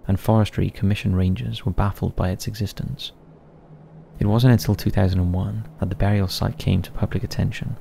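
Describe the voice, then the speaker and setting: A man's voice: low voice, vocal fry, warm tone. A man narrating a scripted countdown of eerie forest stories in a somber storytelling manner.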